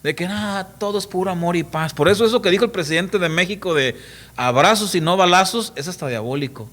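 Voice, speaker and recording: A middle-aged man preaches in a church, his voice sitting a little high for a man. He presses his points with rhetorical questions thrown at the congregation and slips into lively storytelling. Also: fairly quick. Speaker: pastor. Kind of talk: sermon.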